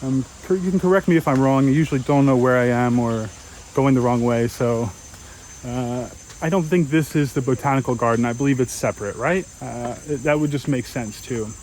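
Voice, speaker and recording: A man's voice: mid-range voice, a little fast, darkish tone, a little hiss or hum, rough recording. Rambling young man vlogging in a park. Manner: rambling, musing, many fillers and restarts. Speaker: travel vlogger. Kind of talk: casual walking vlog. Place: outdoor city park.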